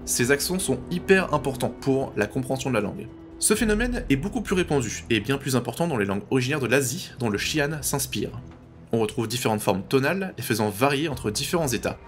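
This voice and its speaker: Patient man explaining pronunciation. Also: medium pitch. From French-speaking. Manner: patient, repeats pronunciations slowly and clearly. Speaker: language tutorial host. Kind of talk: explanatory tutorial narration.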